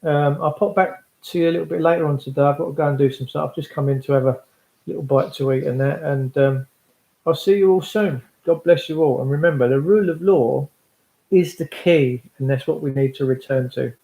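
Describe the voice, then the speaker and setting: Over poor, echoey audio, an Englishman with a fairly high, gravelly yet warm voice speaks briskly to his livestream followers. His political monologue is impassioned and emphatic, with phrases repeated for effect.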